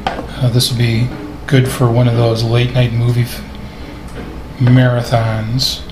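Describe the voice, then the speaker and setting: A man giving a relaxed, step-by-step cooking lesson over his video, explaining each move in a home kitchen. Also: mid-range voice, slow, echoey room, background noise. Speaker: cooking instructor.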